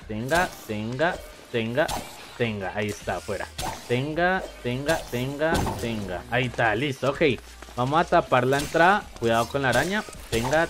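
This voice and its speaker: A man giving chatty, excitable let's-play commentary and talking straight to his viewers. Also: medium pitch. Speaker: gamer.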